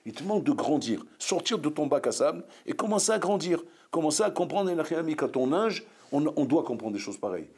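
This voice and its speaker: A man, a rabbi, preaching a sermon in a lively, scolding way full of rhetorical questions. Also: on the high side, a little fast, few pauses, slightly rough.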